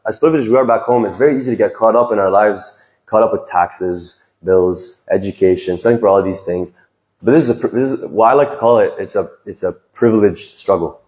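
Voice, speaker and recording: Recorded from the audience in an echoey, decorated hall, a young man speaks from the stage into a handheld mic to give a farewell speech. His lowish, darkish voice moves a little fast. He is earnest and reflective, with small restarts as he speaks from the heart.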